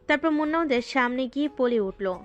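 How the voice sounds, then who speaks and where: Higher-voiced woman narrating a story. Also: animated, fairly quick, muffled recording. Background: faint background music.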